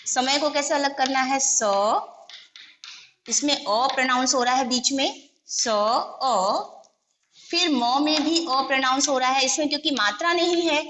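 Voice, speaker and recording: A woman's voice: high voice, a little slow, fairly bright tone. A woman teacher patiently explaining a lesson, breaking each word into its letters and vowel signs one at a time. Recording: echoey room, faint background noise.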